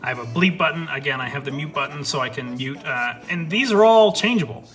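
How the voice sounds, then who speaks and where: Soft music plays behind a young streamer as he shows off his home desk setup, brisk and expressive, with a fairly high, fairly bright voice. He rambles casually and enthusiastically through his equipment, occasionally swearing, into a studio USB/XLR dynamic microphone.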